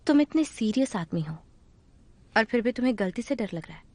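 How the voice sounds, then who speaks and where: A woman's voice: fairly high pitch, expressive, a little fast, a little mellow, no echo. A woman dubbing a caring young woman who coaxes and teases a proud friend, in a drama. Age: young adult. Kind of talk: Hindi dub of a drama.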